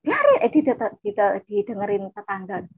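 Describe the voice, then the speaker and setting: A woman voicing her angry older sister, who scolds and shouts at her. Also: mid-range voice, wildly swooping pitch, moderate pace, breathy edge, highs cut off, full character voice. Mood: shrill, furious.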